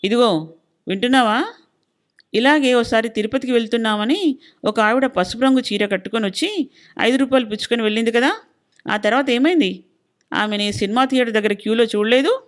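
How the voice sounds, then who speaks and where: A woman's voice: medium pitch, lively intonation, a little fast, natural voice. A woman voicing a stubborn middle-aged husband who lectures and scolds in an insistent, suspicious way. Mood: insistent lecturing.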